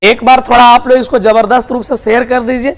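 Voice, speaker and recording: A man's voice: very high-pitched, little pitch movement, brisk. A man teaching Hindi grammar in an online video lesson, coaxing his students along and tagging nearly every sentence with a question. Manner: repeats tag questions often; coaxing, addresses students as dear and friends.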